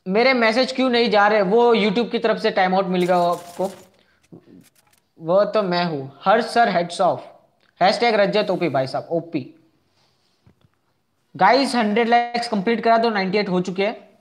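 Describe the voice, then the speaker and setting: A man's voice: high-pitched, a little slow, pauses often. A young man hosting a casual live game stream, chatting with viewers, repeating himself and asking for likes. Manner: chatty, answers viewers' chat messages one by one.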